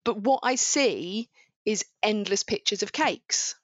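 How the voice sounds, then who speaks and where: A woman's voice: medium pitch, takes it slowly, no echo. A woman co-hosting a podcast in casual chat, recorded with slightly dull, lo-fi sound. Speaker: podcast co-host.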